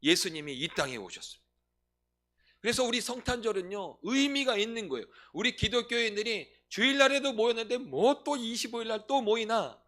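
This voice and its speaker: Animated high-voiced male pastor preaching. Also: a little fast. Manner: lively, questions the listeners and answers himself. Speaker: senior pastor. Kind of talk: sermon with questions to the congregation.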